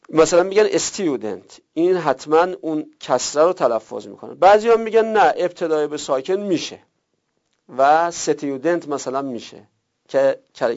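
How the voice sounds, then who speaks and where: Gravelly-voiced man teaching grammar, lo-fi. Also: on the high side, darkish tone. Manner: reads Arabic text aloud then explains it in colloquial Persian. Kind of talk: seminary-style grammar lesson. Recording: dull lo-fi recording.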